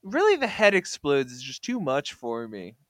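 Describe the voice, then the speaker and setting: A man's voice: a little high, huge pitch swings, normal speed, fairly bright tone, dry recording. Joking man co-hosting a comic podcast. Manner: joking, enthusiastic, looks facts up mid-chat. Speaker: podcast co-host. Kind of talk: casual comic book club chat.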